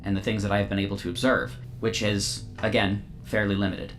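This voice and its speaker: A man voicing a small, glowing male AI construct that speaks in a calm, formal, overly literal way. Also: fairly low pitch, a little fast, faint music behind, close to an everyday voice. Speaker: game master. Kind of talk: tabletop game role-play.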